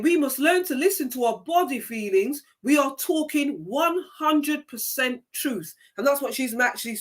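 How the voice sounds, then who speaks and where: High bright emphatic woman with Jamaican accent. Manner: emphatic, preachy, repeats key words. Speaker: live-stream host. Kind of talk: motivational live-stream talk.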